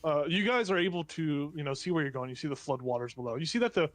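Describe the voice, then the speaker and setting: Halting, casual man running a tabletop game. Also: a little high, animated, dry recording. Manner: halting, searching descriptions with casual slang and mild exasperation. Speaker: game master.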